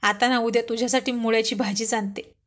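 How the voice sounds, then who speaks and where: Playful young wife, chiding and bossy, bright higher voice, read by a woman narrator. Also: steady tone, fast talker, close to an everyday voice. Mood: teasing.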